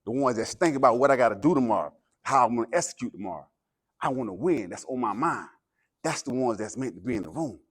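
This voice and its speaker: A man's voice: mid-range voice, fast talker. An American man delivering a pregame pep speech as a guest motivational speaker, preacherly and emphatic. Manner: preacherly, emphatic, builds from calm talk to loud exhortation.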